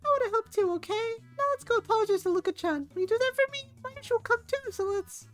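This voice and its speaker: Shrill, sweet, childlike teen girl for a game read-through; sing-song, loud, far above her own low voice. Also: lively intonation, fast, soft background music. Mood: caring coaxing. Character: sweet airheaded teenage girl, cheerful and gentle.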